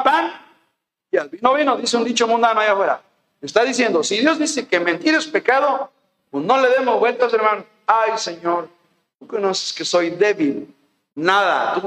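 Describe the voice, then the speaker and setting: High-voiced Mexican pastor preaching. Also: male voice, fairly bright tone, reverberant, low-quality recording. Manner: folksy, conversational preaching with rhetorical questions. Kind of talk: sermon. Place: church.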